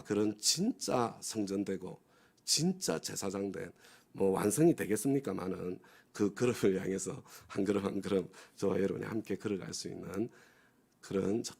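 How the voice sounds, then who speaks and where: Man, pastor, dawn service sermon, fairly low voice, keeps asking listeners to agree, acts out inner voices. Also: gravelly, darkish tone, husky. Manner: has the congregation repeat phrases after him.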